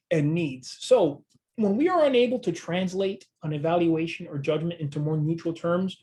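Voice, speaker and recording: A man's voice: high-pitched, a little mellow. A man with a regional accent presenting a training webinar on communication, conversational with self-deprecating asides. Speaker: extension presenter.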